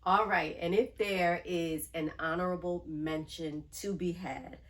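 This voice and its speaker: A woman with a nasal voice chats to camera in an unhurried, fond way. Her voice sits low and she drags out her words for emphasis. Pure casual vlog talk. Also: fairly even intonation. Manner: chatty, drawn-out emphasis, affectionate. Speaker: handbag collection vlogger.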